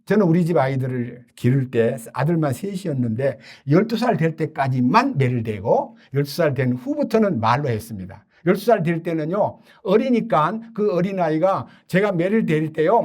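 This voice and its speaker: An older pastor preaches a sermon through animated storytelling, acting out the voices of the people he quotes. His voice sits high, moving at normal speed with few pauses.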